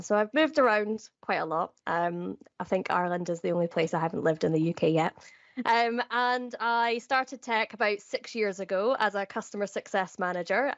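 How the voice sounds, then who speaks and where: A woman's voice: medium pitch, no room sound, lo-fi sound. A Scottish woman from Edinburgh, a podcast guest chatting casually and laughing often. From Scotland. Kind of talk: casual interview chat.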